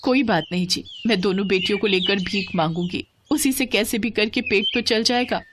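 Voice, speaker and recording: A woman's voice: mid-range voice, moderate pace, background noise, close to an everyday voice. A woman voicing a poor, anxious young mother in a cartoon story. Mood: worried.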